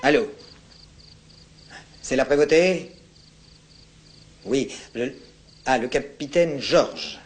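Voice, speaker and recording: Calm army captain, courteous formal phone talk, mid-pitched even voice. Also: male voice, slow pace, long pauses. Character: composed French colonial captain, courteous and detached. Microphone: telephone call.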